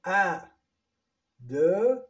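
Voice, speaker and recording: A man with a northern French accent, chatting through an unboxing vlog, excited and stumbling over his words. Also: high voice, extremely slow. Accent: Ch'ti. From northern France. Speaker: vlogger.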